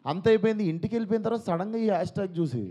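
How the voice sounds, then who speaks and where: A man's voice: sits high, very fast, mellow. A young man answering reporters at a press meet, earnest and pleading, repeating himself as he explains. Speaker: film actor at a press meet. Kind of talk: defensive press conference answers.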